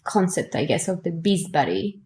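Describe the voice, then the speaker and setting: A woman's voice: fairly low pitch, moderate pace, vocal fry, mellow, echoey room. A woman from France, a native French speaker and workshop facilitator, chatting in English in a playful, teasing way. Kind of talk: casual chat.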